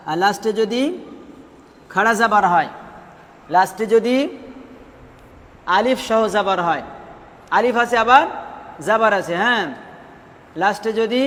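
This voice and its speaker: Male recitation teacher, raised pitch, drills students with questions and stretched syllables, long reverb and faint hum. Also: fairly bright tone. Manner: asks students questions and repeats answers, drawn-out drilled syllables. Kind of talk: classroom lesson.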